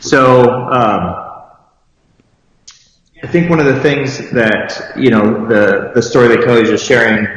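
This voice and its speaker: A man's voice: medium pitch, highs cut off. Man talking from an echoey, cave-like room. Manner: earnest, thinking aloud with fillers. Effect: cave-like echo of a large empty conference room. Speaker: photographer and business owner. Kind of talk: casual video-call interview. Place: conference room. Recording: cavernous echo, long hall reverb.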